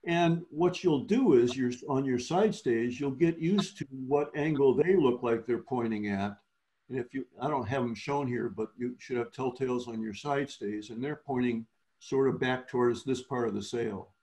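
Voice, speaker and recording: Male instructor, mid-pitched, explanatory, self-correcting, on a video call. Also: normal speed, warm tone. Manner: explanatory, restarts phrases often. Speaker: sailing clinic instructor. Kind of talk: virtual clinic teaching.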